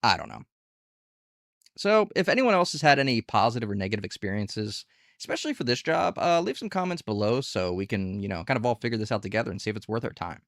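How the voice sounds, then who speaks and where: Speaking fast and very animatedly in a lowish voice, this man hosts a conversational review and tutorial of online gig platforms. He's casual and candid, asks rhetorical questions, and the audio is dry and studio quality.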